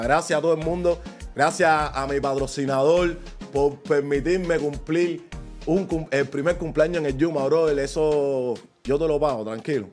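A man's voice: mid-range voice, darkish tone. A young Cuban man with a Cuban Spanish accent, joking and bragging in a casual live-stream chat. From Cuba. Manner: boastful, joking, slangy. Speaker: guest.

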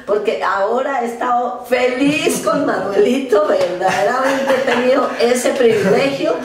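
A woman's voice: a little high, a little slow, far from the mic, a loud crowd. An older woman with a Colombian accent from the Valle del Cauca, chatting affectionately and effusively as a guest. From Buga, Valle del Cauca, Colombia. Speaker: interview guest, veteran musician. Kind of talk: warm casual chat. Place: living room with piano, indoors. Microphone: camera a few meters away. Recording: very echoey living room.

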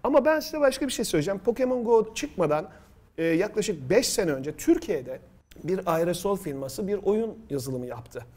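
A man's voice: high-pitched, sing-song, normal speed, darkish tone. A middle-aged or older man hosting a quiz and telling stories in casual, conversational speech. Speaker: quiz show host. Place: studio table, indoors.

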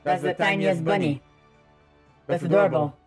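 A man in his thirties streaming a game live over a headset mic, excitable and swearing as he reacts and talks to his chat. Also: high-pitched, moderate pace, slightly rough, faint music behind. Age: 30s. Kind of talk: gaming livestream commentary. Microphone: livestream headset mic.

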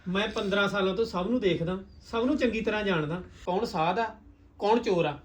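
Brief: Punjabi-accented actor as a steady, trusting older brother, gentle and reassuring. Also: male voice, sits high, fairly quick, close to an everyday voice. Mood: protective. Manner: calm, protective, reassuring. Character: loyal elder brother, calm and trusting. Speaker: elder brother and husband. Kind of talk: Punjabi short film acting.

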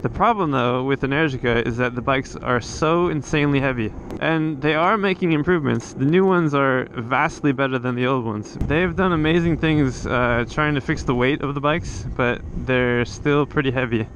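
Helmet-camera footage captures a man riding a motorcycle outdoors on a coastal road, giving a casual vlog monologue that rambles with restarts and fillers. He speaks at normal speed with hardly any pauses, in a fairly bright mid-range voice. The audio is dull, with a little hiss or hum.

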